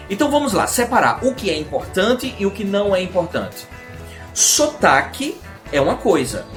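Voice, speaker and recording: A Brazilian man, an English teacher, explaining in a casual video lesson and answering his own questions. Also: high voice. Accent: Brazilian Portuguese.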